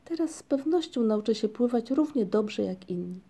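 A woman's voice: on the high side, animated, normal speed, mellow, slightly rough. A woman reading a storybook, voicing a small, fretful, greedy young male creature who whines and pleads. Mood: eager. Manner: whiny, pleading.

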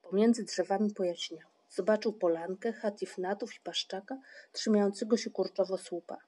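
Woman narrator for a children's audiobook, expressive and measured, mellow voice. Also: medium pitch, husky.

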